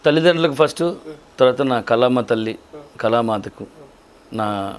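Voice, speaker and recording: A man in his thirties with a Telangana accent, talking casually in an interview. He tells his stories in a lively way, in everyday colloquial speech, at a medium pitch. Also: moderate pace, background noise. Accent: Telangana Telugu. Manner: lively storytelling with colloquial dialect. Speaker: event organizer and mimicry artist.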